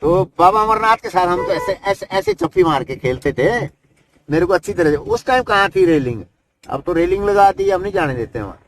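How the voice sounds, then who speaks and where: A high-pitched older man, a yogi of the Himalayas, relates his life story with lively intonation and a slightly quick pace. His telling is loose and folksy, sentences capped with "isn't it," and the background is noisy.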